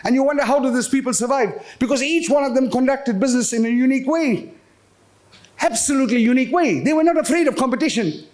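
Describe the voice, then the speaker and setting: A man's voice: extremely high pitch, fast talker. A man with an Indian South African accent performs stand-up comedy live on stage, acting out dialogue as he tells stories and putting questions to the crowd. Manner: animated storyteller, acting out dialogue and questioning the audience. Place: live on stage at a gala dinner.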